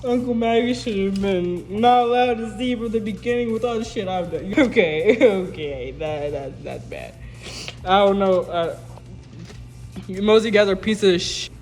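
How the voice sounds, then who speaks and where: A livestream host cooks and talks casually to viewers at a middling pitch. The talk is crude, profane and teasing, with phrases often restarted and repeated. Music plays clearly behind, along with a sizzling pan. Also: normal speed, a little mellow. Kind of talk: casual livestream cooking chat. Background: music, food frying.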